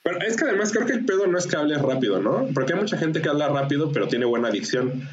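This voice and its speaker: A man with a Mexican Spanish accent hosts a loose podcast chat at a brisk clip, full of slang. His voice bounces in a roomy space and the sound is somewhat dull. A faint hiss runs behind him. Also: fairly high pitch, very animated. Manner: slangy, acts out quoted voices. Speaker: podcast host. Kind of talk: casual chat.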